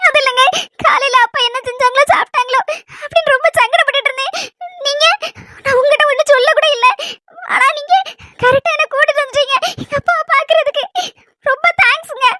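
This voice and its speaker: A woman playing a shy, grateful young wife who speaks softly and hesitantly in a family skit. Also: extremely high pitch, fairly even intonation, background noise. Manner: soft, hesitant, quick.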